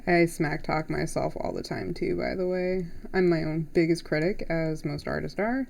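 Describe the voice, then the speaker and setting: A woman's voice: lowish voice, measured pace, vocal fry, pauses often, darkish tone. A young woman live-streaming as she draws, chatting casually and rambling to herself while she works. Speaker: artist live-streaming a drawing.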